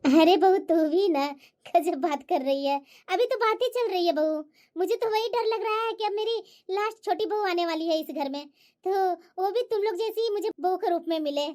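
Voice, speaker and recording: A woman voicing a gentle, worried older mother-in-law in a family cartoon. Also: extremely high pitch, moderate pace. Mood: fretful. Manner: soft, fretful, motherly. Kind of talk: cartoon voice acting.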